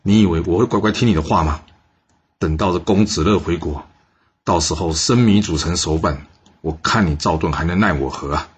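A man's voice: sits low, fairly quick, breathy edge. A man voicing a bitter, vengeful general who has lost his command, speaking with scorn in an audio story. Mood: bitter, angry. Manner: angry, scornful.

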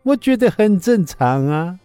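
A man's voice: high voice, big pitch swings, mellow, smooth, no room sound, soft background music, voice pushed up. A man putting on a goofy mock foreign accent in Mandarin, speaking in an exaggerated sing-song way. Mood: teasing, mock-innocent. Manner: exaggerated sing-song, stretched slow words.

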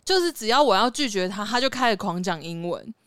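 A woman's voice: mid-range voice, a little fast, clear, resonant tone, no room sound, studio quality. A woman with a Taiwanese accent telling stories in casual chat, animatedly acting out reactions and quotes. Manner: animated storyteller who acts out reactions and quotes. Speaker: podcast host telling stories.

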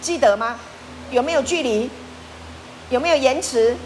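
A woman's voice: high voice, moderate pace, slight background noise. A woman pastor preaching a sermon, often asking her listeners questions. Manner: lively, asks the congregation questions.

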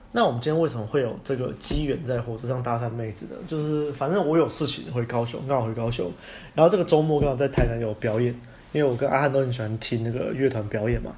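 A man's voice: medium pitch, mellow, slight background noise. A man with a Taiwanese Mandarin accent, co-hosting a podcast and telling stories in a casual chat, swearing now and then. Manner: fast storytelling, swears casually. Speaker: podcast co-host.

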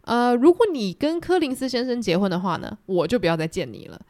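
A woman voicing a wry older father with deadpan humor, speaking in a measured way. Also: on the high side, dry recording, clean studio sound, voice pushed up.

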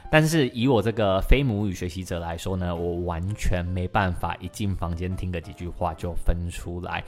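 A young man hosting an English-learning podcast lesson in a chatty, lively way, slowly modelling English sounds again and again. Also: low voice. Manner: chatty, lively, with many sentence-final particles.

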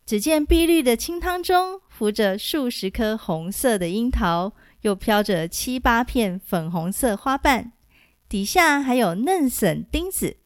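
A woman narrating a scripted story as a teacher and host, measured and clear with gentle expression. Her voice sits somewhat high and moves slowly through each phrase. The recording is close and dry. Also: no echo.

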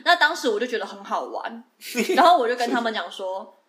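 A woman, hosting a casual podcast and telling a childhood story in animated bursts, laughing often between her fillers. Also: a little high, a little fast. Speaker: podcast host.

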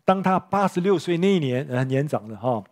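A pastor preaching a sermon in church, telling a story with rhetorical questions to the congregation. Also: male voice, fairly high pitch, expressive, a little fast, a little mellow.

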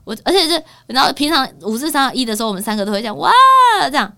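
A woman, hoarse from a cold, telling a rambling story as co-host of a casual chat show in a small studio. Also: on the high side, expressive, very fast, sharp tone. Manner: rambling storytelling with many fillers. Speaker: podcast co-host.

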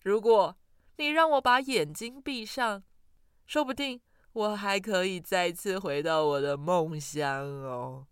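A woman's voice: medium pitch, slow pace, smooth, no room sound, studio quality, natural voice. A woman doing a drowsy old man with a ladder. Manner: sleepy, rambling and chuckling.

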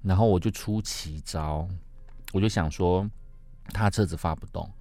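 A man's voice: deep voice, normal speed, dark tone, no echo, faint music behind. A man co-hosting a podcast, telling a personal story in casual chat and acting out the quoted lines. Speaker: podcast co-host.

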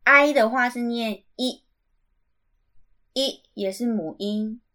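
Slow, patient woman. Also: fairly high pitch, sharp tone. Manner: patient, repeats sounds slowly and clearly. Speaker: podcast host. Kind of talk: casual language lesson.

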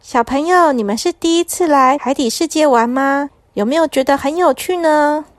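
A woman's voice: high voice, normal speed, no echo, voice pushed up, natural voice. A woman doing a kindly, caring lady sea turtle. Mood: friendly. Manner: gently instructive.

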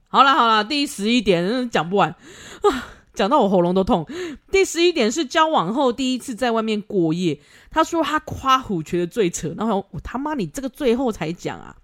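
Woman host, pitch that swings widely, frank and foul-mouthed, quick to laugh. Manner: blunt, swears freely, laughs often. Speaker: podcast host. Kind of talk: casual advice chat.

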